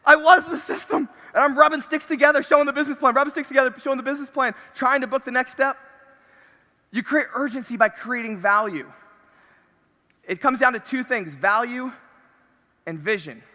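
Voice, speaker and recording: A man with a very high, forceful voice delivers a motivational talk from a stage mic. He speaks in punchy bursts and hammers his key phrases again and again. His voice rings through a big convention hall with a long reverb tail. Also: a little fast. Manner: energetic, punchy, repeats key phrases, laughs between points.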